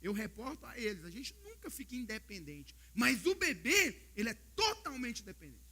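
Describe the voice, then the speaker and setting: A Brazilian man preaching a sermon as pastor, telling stories in an animated way and often calling out to the brothers in the congregation. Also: very high-pitched, moderate pace. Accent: Brazilian Portuguese. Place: church service.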